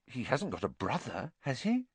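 A man voicing an earnest, curious teenage boy wizard who asks hushed, urgent questions. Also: mid-range voice, huge pitch swings, normal speed, vocal fry, husky, dry recording, full character voice.

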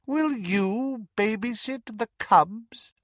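A man voicing a cold, cruel male dark wizard lord in an audiobook, speaking quietly with slow, drawn-out menace. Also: sits high, no echo, studio quality, pitched above the performer's own voice. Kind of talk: audiobook character voice.

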